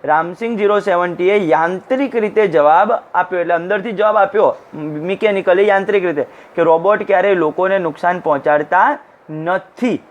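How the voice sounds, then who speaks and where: Man, high voice, teacher, explains line by line, translates phrases, acts out bits of dialogue. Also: normal speed, highs cut off. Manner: translates each English phrase into Gujarati and acts out lines. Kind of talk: classroom lecture explaining an English text. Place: recorded for an online class.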